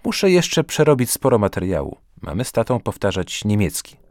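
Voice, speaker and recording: A man voicing an earnest, good-humoured teenage student with a gentle way of talking. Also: on the low side, big pitch swings, a little fast, no room sound, clean studio sound. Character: earnest, cheerful teenage student, theatre-minded.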